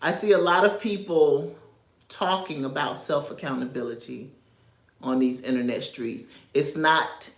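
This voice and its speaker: In an echoey room, a woman with a low voice talks at a measured pace during a casual livestream. Originally from New York and raised in North Carolina, this social media commentator is chatty, strays off topic, and chuckles often.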